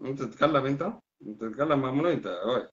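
Fiery fast-talking Sudanese man. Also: medium pitch, lively intonation, fairly bright tone. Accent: Sudanese Arabic. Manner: fast, heated, insulting, repetitive. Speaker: live-stream host. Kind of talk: heated political live-stream rant. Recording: dull lo-fi sound.

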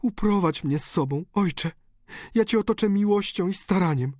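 A male audiobook reader voicing a remorseful, despairing countess in a high, pleading voice. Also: normal speed, a little mellow, dry recording, studio quality, lightly acted. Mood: anguished pleading. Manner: pleading, anguished, high-pitched. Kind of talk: audiobook character reading.

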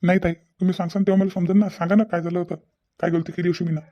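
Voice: medium pitch, little pitch movement, very fast, lo-fi sound, natural voice. Someone voicing a nervous young village man. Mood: pleading. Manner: pleading, defensive.

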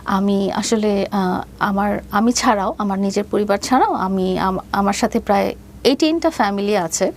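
Against slight background noise, a woman in her fifties with a mid-range voice and a Bangladeshi accent tells a personal story as an interview guest. She hesitates often, speaking in a halting way and weaving in English phrases.

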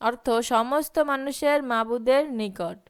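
Clear-voiced woman teaching slow recitation. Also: fairly high pitch. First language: Bengali. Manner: slow drawn-out recitation mixed with quick spoken explanations. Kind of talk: recitation lesson, sounding out letters and vowel marks.

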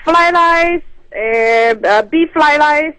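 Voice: slow pace, sharp tone, no echo, full character voice. A performer voicing a flustered Singaporean auntie taking food orders in hesitant, broken Singlish, in a comedy phone skit. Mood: hesitant, obliging. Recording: noisy, clicky low-quality audio.

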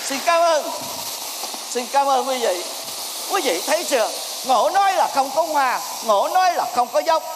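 A man with a Southern Vietnamese accent plays an exasperated troupe master, scolding and shouting in a live stage comedy sketch. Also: very high-pitched, lively intonation, moderate pace, in a large hall, background noise. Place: theater stage.

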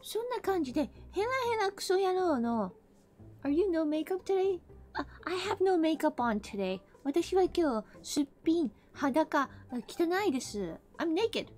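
High, lively woman streamer teaching English. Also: a little slow. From American South. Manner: playful, bursts into mock-angry rough slang. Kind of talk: casual live-stream English lesson.

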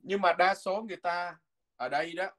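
A man's voice: high voice, fairly bright tone. Patient man teaching pronunciation. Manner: patient, repeats pronunciations slowly. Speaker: language teacher. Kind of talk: explaining a textbook lesson.

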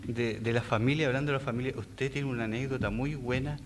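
A man's voice: mid-range voice, steady tone, fast, slight background noise. Polite, curious man asking questions. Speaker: interviewer on stage. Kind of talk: live stage conversation.

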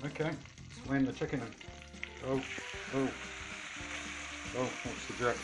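A man with a broad New Zealand accent chatting casually through step-by-step instructions, laid-back and slangy with dry, deadpan humour. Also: mid-range voice, a little slow, music in the background, poor audio. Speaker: home vlogger giving cooking and DIY tips. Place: house rooms, kitchen and garden. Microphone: handheld or propped phone.

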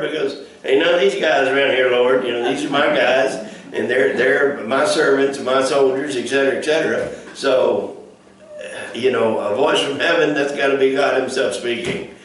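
A man's voice: mid-range voice, moderate pace, fairly bright tone. A man pastor teaching a Bible study in a folksy, rambling way, full of fillers and restarts. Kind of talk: casual teaching. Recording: echoey room from a distant mic, faint noise.

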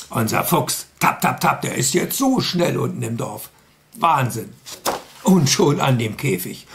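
Male children's storyteller: slow, gravelly, playful, addresses the kids directly. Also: medium pitch. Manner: playful, chatty, asks the kids questions.

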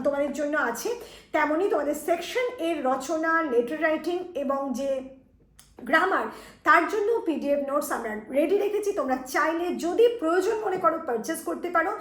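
A woman teacher talking students through an exam revision lesson, explaining step by step and speaking to them directly. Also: high voice. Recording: echoey room.

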